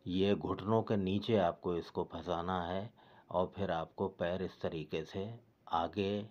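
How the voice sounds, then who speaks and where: A man calmly explaining knee exercises step by step, as a fitness instructor. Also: sits low, highs cut off. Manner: patient, repetitive step-by-step guidance.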